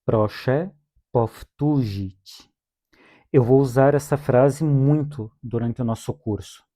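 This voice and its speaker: A man's voice: medium pitch, steady tone, normal speed, mellow. A young Brazilian man with a Brazilian Portuguese accent, teaching a language lesson in a patient way and repeating each word twice for his learners. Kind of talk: calm lesson with repeated vocabulary drills.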